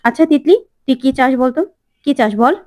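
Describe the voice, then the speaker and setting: A woman's voice: high-pitched, fast talker, darkish tone, no room sound, studio quality, lightly acted. A woman voicing an earnest young wife and protective older sister who talks in a firm, scolding way.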